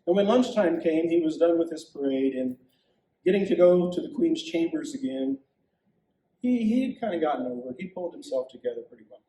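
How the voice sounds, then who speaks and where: A man's voice: on the high side, fairly quick, creaky. Male pastor telling a sermon story, heard far off in a hall. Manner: first-person storytelling with lively character asides. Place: church sanctuary. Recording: echoey church heard from a distance.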